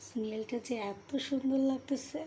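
A woman talking softly while she cooks at home, narrating each step for her viewers. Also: high-pitched, fairly even intonation, moderate pace. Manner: speaks softly so a sleeping child stays asleep. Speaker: cooking vlogger. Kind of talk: casual cooking narration. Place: home kitchen. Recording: noisy kitchen ambience.

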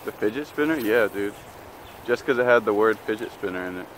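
A young man hosting a fishing vlog outdoors by a pond, chatting and laughing, yelling when fish bite. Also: fairly low pitch, expressive, brisk, background noise. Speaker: fishing channel host. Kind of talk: excited outdoor vlog chat.

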